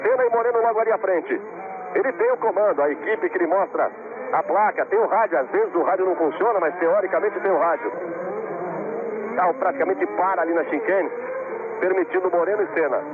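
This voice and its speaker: A man's voice: high voice, fairly quick. A Brazilian man giving live motorsport play-by-play commentary, dramatic and repeating phrases for emphasis. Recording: tinny radio-like broadcast, engine noise behind.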